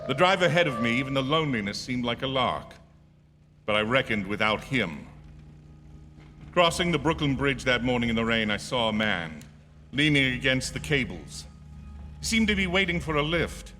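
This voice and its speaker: In a first-person radio drama performed on a theatre stage, a medium-pitched man expressively plays an uneasy, forceful motorist haunted by a recurring hitchhiker. His nervous, stammering, halting delivery carries uneasy recollection under strain. Faint music plays behind him, and the hall echoes with long reverb.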